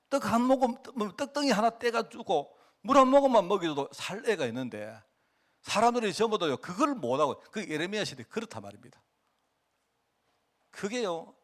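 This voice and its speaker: With a high voice and a Gyeongsang accent, a male pastor gives a chatty, spirited sermon, voicing the conversations he had with the people in his anecdotes.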